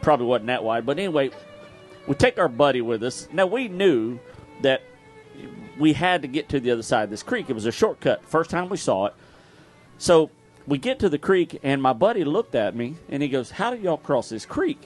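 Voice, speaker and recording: A man's voice: mid-range voice, big pitch swings, normal speed, faint music behind. A man, hosting an outdoors radio show and telling a story live, laughing often and throwing in sound effects. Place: live event at a bar.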